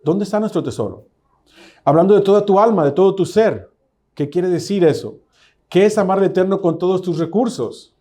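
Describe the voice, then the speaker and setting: Mellow-voiced man teaching a Bible study. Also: sits high, lively intonation. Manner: teaching, asks the audience to repeat words; reads scripture slowly and deliberately. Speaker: teacher of a messianic congregation.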